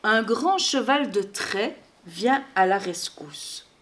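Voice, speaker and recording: A woman reading a children's Christmas storybook aloud in an expressive, measured way. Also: mid-range voice, a little hiss or hum.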